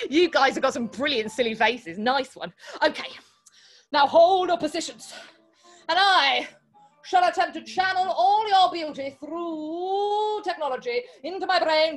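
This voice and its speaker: A young woman hosts a children's show from home, clowning in a theatrical, mock-dramatic way. Her voice sits high and bright. Faint music plays quietly behind her. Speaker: children's entertainer host. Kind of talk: playful kids' show presenting.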